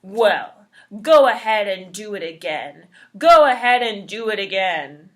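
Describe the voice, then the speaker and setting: A woman's voice: medium pitch, sing-song, unhurried, a bit bright, pitched below the performer's own voice. A woman voicing a boastful, foolish male trickster from a folktale, with a blustering, declamatory storybook manner. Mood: boastful, defiant. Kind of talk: folktale character voice.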